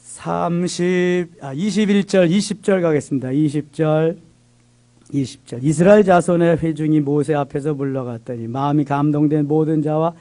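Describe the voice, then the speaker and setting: Man, pastor, midweek sermon, darker mellow tone, slightly high pitch, repeats key words for emphasis. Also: normal speed. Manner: preaching with emphatic repetition, reading scripture aloud. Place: church sanctuary.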